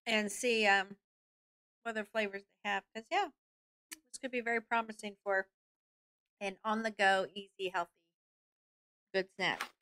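A middle-aged woman giving a casual product review to camera, speaking informally and haltingly into a desk microphone. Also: mid-range voice, fairly even intonation, sharp tone, dry recording. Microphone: desk microphone close in front, seen.

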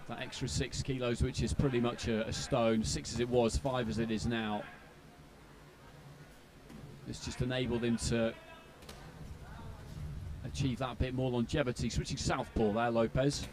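Measured male boxing commentator. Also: medium pitch, little pitch movement, darkish tone. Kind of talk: live fight commentary.

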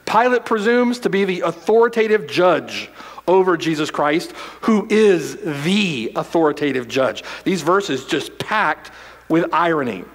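A male pastor preaching a sermon emphatically, repeating phrases and swinging from loud declarations to hushed lines. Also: on the high side, expressive, measured pace, big-room sound.

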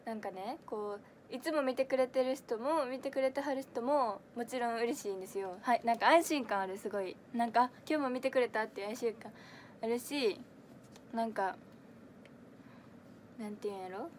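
Kansai girl in her 20s livestreaming, high little voice, giggly and chatty, reads out comments. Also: moderate pace, slight background noise. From Kansai, Japan. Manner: chatty and giggly, many fillers, answers comments as she reads them. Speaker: idol audition livestreamer. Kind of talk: casual livestream chat reading viewer comments.

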